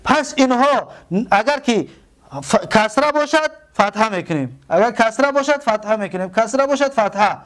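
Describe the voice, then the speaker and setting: A man with a Tajik accent teaches a grammar lesson in a noticeably high voice. He goes over key terms slowly, saying them more than once. He keeps asking his students rhetorical questions to hold their attention. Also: expressive, fairly bright tone. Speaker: religious school teacher.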